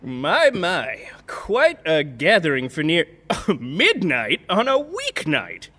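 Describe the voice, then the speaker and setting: Slow smug mayor, pitch swoops all over, fake friendly, reverby room. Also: male voice, huge pitch swings, sharp tone, exaggerated voice. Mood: mock-genial. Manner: drawling, mock-genial, deliberate. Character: smug, insinuating small-town mayor, theatrical older man. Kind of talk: audio drama acting.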